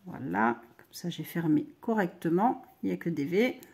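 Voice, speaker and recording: A woman's voice: on the low side, animated, moderate pace, creaky, darkish tone, husky. A middle-aged woman hosting a crochet tutorial, chatting with viewers as she works. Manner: chatty, talks to viewers while working. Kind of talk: crochet doll-clothes tutorial.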